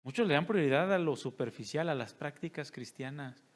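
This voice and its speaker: A man's voice: on the high side, animated, brisk. A male pastor, preaching a sermon and putting rhetorical questions to his congregation. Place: church service.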